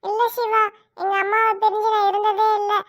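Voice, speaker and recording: A woman's voice: very high-pitched, little pitch movement, normal speed. A young woman playing a newly married bride, chatty and playful with her husband, in an amateur family drama. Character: young bride, emotional and teasing.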